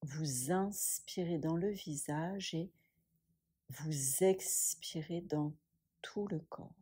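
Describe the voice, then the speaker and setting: A deep-voiced woman instructor guides a yoga relaxation meditation. She speaks gently and soothingly in a breathy hush, pausing at length.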